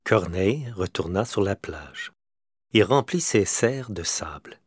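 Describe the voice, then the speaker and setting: Slow, expressive male storyteller. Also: low-pitched, slightly rough, no echo. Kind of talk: children's story reading.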